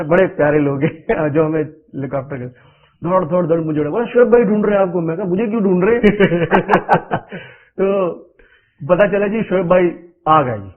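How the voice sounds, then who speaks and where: A middle-aged man from Pakistan spins anecdotes in an animated way, with run-on sentences and frequent chuckles. His voice sits a bit higher than most men's. The sound is squeezed thin, like a phone line carried over radio. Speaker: cricketer guest. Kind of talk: anecdotal interview storytelling. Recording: narrow phone-like radio audio.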